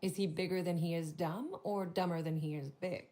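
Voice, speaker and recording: A woman's voice: lowish voice, fairly even intonation, moderate pace, warm tone, close to an everyday voice. A woman voicing a prim, formal hotel desk clerk in a video game who turns catty and gossipy.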